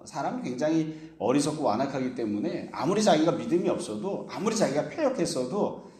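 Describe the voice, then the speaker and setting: A man's voice: fairly high pitch, expressive, fairly quick, a little mellow. A male pastor preaching a sermon, explaining a passage and asking his listeners rhetorical questions. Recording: roomy echo.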